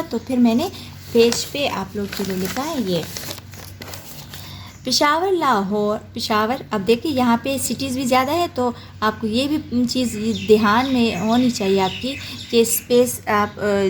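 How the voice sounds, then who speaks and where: A woman teacher with a Pakistani accent explaining a school lesson slowly and patiently, sounding out words one at a time. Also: fairly high pitch, a little hiss or hum. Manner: slow, patient, spells out each word.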